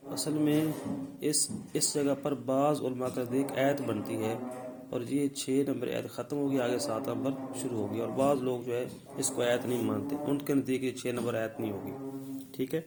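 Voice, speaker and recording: A man teaching the rules of Quran recitation step by step, often checking in with his listeners and then sounding out the words louder as examples. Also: mid-range voice, steady tone, very noisy. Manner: repeats "theek hai" to check in. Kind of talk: tajweed lesson.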